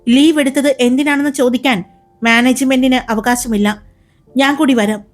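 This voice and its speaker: A chatty, caring young female nurse, read by a woman narrator in a storybook reading. She explains in a hurry and comforts her friend. The voice sits high, with faint music in the background. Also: fairly even intonation, normal speed, natural voice. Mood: concerned.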